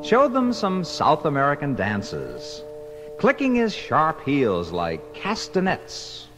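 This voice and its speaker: Male storybook narrator, unhurried, animated, over orchestral music. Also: on the high side.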